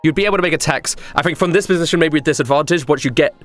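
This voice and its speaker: A man's voice: a little high, rapid-fire, a bit bright, faint music behind. A man acting as game master, casually narrating and ruling on a tabletop role-playing game.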